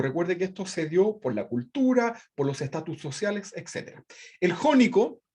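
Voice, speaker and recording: Man, high voice, bible study teacher, explanatory, repeats himself, refers to slides. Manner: explanatory, repeats "¿verdad?" often, frequent restarts. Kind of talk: classroom Bible lesson.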